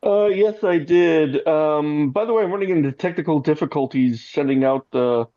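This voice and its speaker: Man, calm and factual, mellow tone, dull lo-fi video-call sound. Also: a little high, normal speed. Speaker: meeting participant. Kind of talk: online meeting chat. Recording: muffled call audio.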